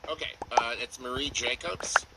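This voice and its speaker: A man's voice: mid-range voice, moderate pace. Male game master, earnest and plain, distant noisy capture. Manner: earnest, voices townsfolk in a plain voice. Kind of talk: narrating a tabletop game. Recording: distant mic with loud noise.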